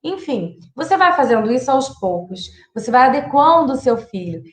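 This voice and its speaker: In an echoey room, a Brazilian psychologist in her thirties speaks at a moderate pace in a high-pitched, sing-song voice. She gives chatty, direct parenting advice on a live stream in Brazilian Portuguese-accented speech, acting out what to say to kids.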